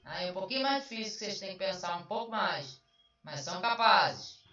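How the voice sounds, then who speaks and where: A woman teacher goes through exam answers step by step, chatty and questioning. Her voice is bright and keen. It sounds dull and far from the mic, in a very echoey room. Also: mid-range voice, animated, a little fast. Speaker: Portuguese language teacher. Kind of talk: online exam review lesson. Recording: roomy, distant, dull sound.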